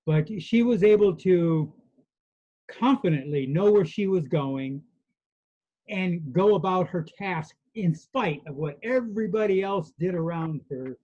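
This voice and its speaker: Man rambling a bit in an off the cuff speech, higher pitched, mellow tone, kinda dull audio. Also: expressive, measured pace. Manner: earnest, emphatic, rambling. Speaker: meeting participant answering a table topic. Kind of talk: impromptu speech. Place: online club meeting.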